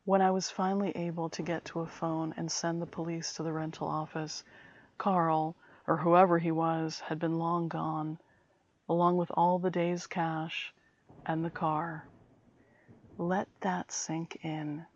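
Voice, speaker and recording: A woman narrating a scripted scary story in a hushed, suspenseful way, full of quiet dread. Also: low-pitched, flat delivery, a little slow, lo-fi sound. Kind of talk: scripted first-person horror story narration.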